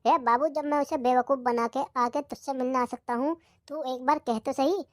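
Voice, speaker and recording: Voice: high-pitched, steady tone, moderate pace, no room sound, studio quality, close to an everyday voice. A voice artist voicing a lovesick, pleading village man who is cheating on his wife, for a cartoon. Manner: pleading, boastful.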